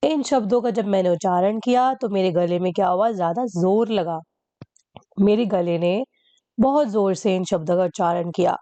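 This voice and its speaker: A woman's voice: medium pitch, normal speed, dark tone, no room sound. A woman teacher patiently explaining a lesson, repeating key points and asking rhetorical questions.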